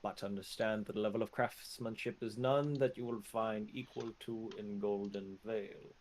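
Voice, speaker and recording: A dignified, boastful shopkeeper in a fantasy tabletop game as played by a man. He sells his wares in a deadpan, unsmiling monotone, fairly low and formal, with slow deliberate phrasing. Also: slight background noise, natural voice. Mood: deadpan, proud. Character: deadpan, dignified, boastful male shopkeeper selling fine armor. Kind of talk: in-character tabletop role-play.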